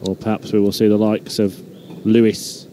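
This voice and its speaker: A man's voice: on the low side, flat delivery, moderate pace, dark tone, a little hiss or hum. A man giving live sports commentary as a darts commentator.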